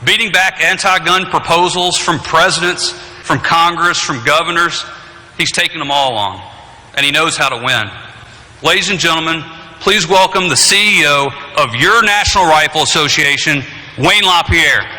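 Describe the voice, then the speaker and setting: A man delivering a forceful political speech in punchy, emphatic short sentences. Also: on the high side, normal speed. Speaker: speaker at a gun association forum. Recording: reverberant large hall.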